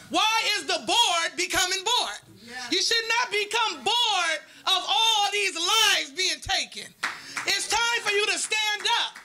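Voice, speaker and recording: Fired up woman at a podium mic, really high sharp voice, hall meeting. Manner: forceful, defiant, rhetorical. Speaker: relative giving public comment. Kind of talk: impassioned public comment. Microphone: podium microphone.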